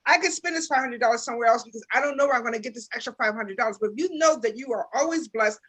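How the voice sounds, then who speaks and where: Lady with a high sharp voice, retainer makes her talk a bit funny, acts out little scenes. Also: rapid-fire, slightly rough, low-quality recording. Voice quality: slightly impeded speech from a dental retainer. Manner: animated, acts out little dialogues. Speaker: guest panelist. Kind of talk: casual panel chat.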